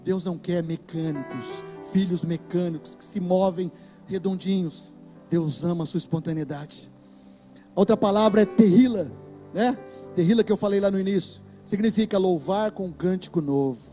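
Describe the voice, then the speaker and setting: Brazilian preacher guy, high voice, gets fired up and shouts, soft music under it. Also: normal speed. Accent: Brazilian Portuguese. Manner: impassioned preaching, bursts into shouts. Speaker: pastor. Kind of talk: sermon. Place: church hall.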